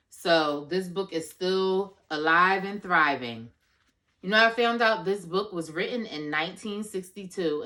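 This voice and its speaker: A woman's voice: lowish voice, fairly bright tone. A woman in her thirties hosting a children's storytime, chatting directly to her young viewers. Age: 30s. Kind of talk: chatty introduction addressed to children.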